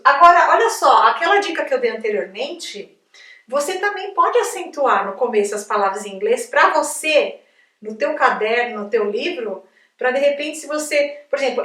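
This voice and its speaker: A high-voiced Brazilian woman teaches in a chatty, upbeat way, checking in with her viewers all the time. Her voice sits a little off the mic in an echoey room. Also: a bit bright, far from the mic. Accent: Brazilian Portuguese. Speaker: English teacher. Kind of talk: casual video lesson.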